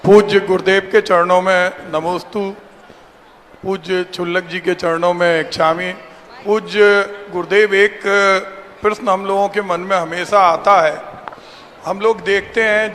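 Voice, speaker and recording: A man with a high voice poses a question to his teacher with deep respect. He pauses and searches for words now and then. The hall adds a long reverb. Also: a bit bright, a little hiss or hum. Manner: reverent, slightly hesitant. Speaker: devotee asking a question. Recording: reverberant hall with faint ambience.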